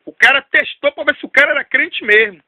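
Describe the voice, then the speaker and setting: Man, preacher, sermon storytelling, repeats phrases, very high voice, dry sound. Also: fairly quick, bright, forceful tone, dry recording. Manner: repetitive storytelling preaching, dropping low for emphasis.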